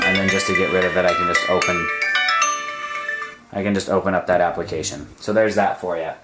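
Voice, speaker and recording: Deep-voiced man demoing a gadget. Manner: explanatory, filler-heavy, chatty. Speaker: product reviewer. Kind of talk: casual product demo. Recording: echoey room.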